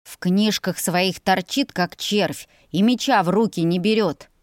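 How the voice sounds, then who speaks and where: A proud, stubborn young dragon suitor, read by a woman, boasting and refusing to back down in a storybook. The voice stays at an ordinary middle pitch and sounds dry and close. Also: measured pace, no room sound, lightly acted. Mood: boastful.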